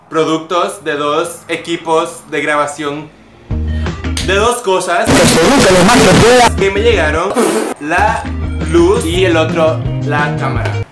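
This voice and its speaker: Joking young man in an echoey room. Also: sits high. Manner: joking, self-mocking, rambling. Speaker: vlogger. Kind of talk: casual vlog unboxing. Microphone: phone camera.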